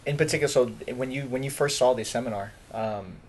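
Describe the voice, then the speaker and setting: A male host opens his show and puts questions to a guest in a relaxed, friendly way. His voice sits at a middle pitch, with a faint hum of background noise. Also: quick pace. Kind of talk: casual interview hosting.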